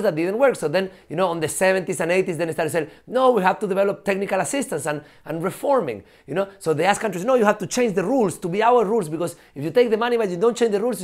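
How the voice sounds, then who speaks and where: A Chilean professor appears as a guest in a casual podcast conversation, animated and laughing, with frequent fillers and swearing. His voice is high.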